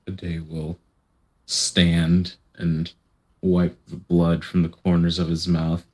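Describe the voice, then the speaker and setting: A man playing a tabletop game, narrating his character's actions in a deliberate, deadpan way. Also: sits low, slightly rough.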